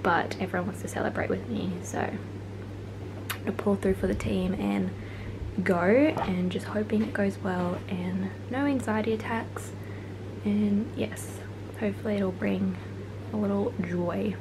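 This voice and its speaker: A young woman in her early twenties chatting casually to camera in a small bedroom, soft-spoken and a bit subdued, through earbuds. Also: medium pitch, measured pace. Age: young adult. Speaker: vlogger. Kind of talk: casual vlog talk to camera. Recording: fan noise in a home room. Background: fan running.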